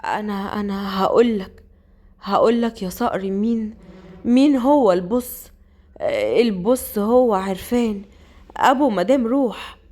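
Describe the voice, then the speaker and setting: Woman doing dying man, halting and breathless. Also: medium pitch, a little mellow, close to an everyday voice. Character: dying young man, gasping out last words.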